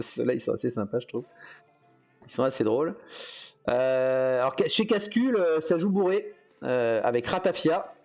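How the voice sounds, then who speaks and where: A man's voice: on the high side, darkish tone. A man hosting a casual livestream, rambling through his talk with hesitant fillers and frequent chuckles. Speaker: host.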